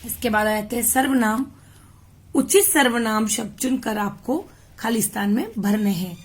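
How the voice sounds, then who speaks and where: A woman tutor from India going through a grammar worksheet, reading words out slowly one by one. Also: a little high, husky. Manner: slow, deliberate, spells words out one by one. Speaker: home tutor. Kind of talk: explaining a worksheet.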